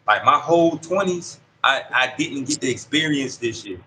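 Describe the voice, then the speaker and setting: In a rough recording with some hiss or hum, a man in his thirties being interviewed in a prison dorm spins casual stories. His medium-pitched voice is bright, forceful, and expressive at normal speed, full of street slang and repeated checks of "you see what I'm saying."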